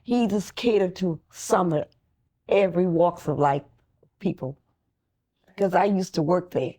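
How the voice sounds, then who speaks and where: A woman's voice: lowish voice, measured pace, warm tone. A woman being interviewed, casually sharing recollections for an oral history.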